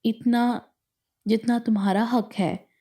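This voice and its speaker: A woman's voice: on the high side, steady tone, takes it slowly, mellow. A woman narrator voicing a playful, teasing young woman friend of the bride, in a storybook reading.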